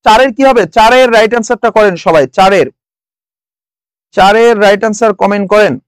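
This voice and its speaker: A man's voice: sits high, moderate pace, clean tone, no echo. A young man from Bangladesh teaching a live exam-prep class online, quizzing students and repeating the answers. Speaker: online tutor.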